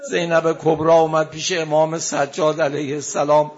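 A man with a fairly high but flat-sounding voice delivers a mourning sermon, recounting a tragic story with impassioned, tearful emotion. He is a religious preacher reciting a lament, captured on a dull lo-fi recording.

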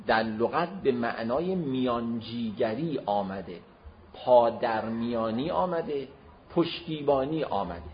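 Male preacher lecturing, emphatic with sudden loud and soft swings, mid-pitched, dull lo-fi recording. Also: slight background noise. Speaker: religious lecturer. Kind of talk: religious lecture.

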